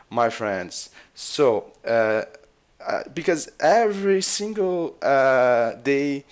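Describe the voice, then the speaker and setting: A native Portuguese speaker from Brazil, with a smooth, slightly high voice and a Brazilian Portuguese accent, vlogs casual advice on learning languages. He sounds unsure, scatters filler uhs throughout, and tends to repeat himself.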